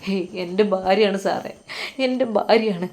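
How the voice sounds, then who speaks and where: A woman's voice: medium pitch, moderate pace, close to an everyday voice. Sinan, a desperate young husband, as a woman voices him. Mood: pleading, grieving. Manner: pleading, sobbing, soft-spoken. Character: young man, 23, desperate lover. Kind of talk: storytelling.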